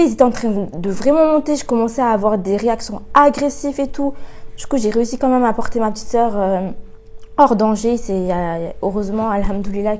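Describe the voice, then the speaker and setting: A woman's voice: medium pitch, darkish tone. A young woman telling a personal story in a casual vlog, full of fillers and acting out her own thoughts. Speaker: vlogger.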